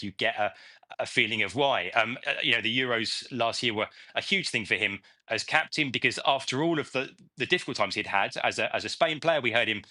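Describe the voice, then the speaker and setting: A man's voice: lowish voice, bright, forceful tone. A man giving reflective football analysis on a studio panel, thinking aloud as he goes. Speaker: football pundit.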